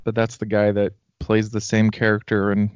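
Casual man, lowish voice, sarcastic commentator, dull lo-fi recording. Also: completely flat delivery, smooth, no room sound. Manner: quick questioning, sarcastic commentary. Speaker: co-host watching a TV show. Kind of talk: casual chat. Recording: dull lo-fi dry sound.

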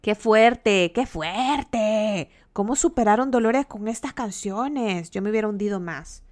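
A Mexican woman talking to her viewers in a loose, chatty way, cracking jokes and laughing as she goes. Her voice sits at an ordinary middle pitch. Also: a little slow, darkish tone. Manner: chatty, joking, laughs often, talks to viewers. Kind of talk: casual livestream chat.

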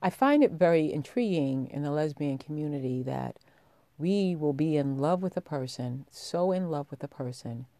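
A woman's voice: sits low, animated, moderate pace, dark tone, dry recording. A woman with a sultry voice hosting a podcast, speaking intimately and directly to her listeners. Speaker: podcast host.

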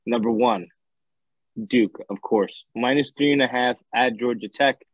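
A man's voice: medium pitch, unhurried, dry recording. Man, laid-back rambling picks, dry close sound, slightly dull lo-fi mic. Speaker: podcast co-host making college football picks. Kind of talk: casual sports betting chat.

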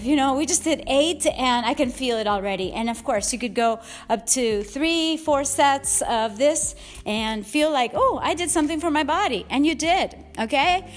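High-pitched and bubbly, a woman who works as a fitness instructor and podcast host coaches a workout the way an aerobics instructor would, full of enthusiasm and encouragement.

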